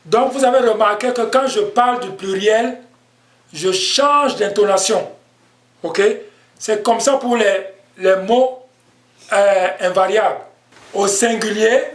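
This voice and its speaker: Slow, patient male language teacher. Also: high voice, reverberant. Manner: slow, patient explaining with repetitions. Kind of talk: online language lesson.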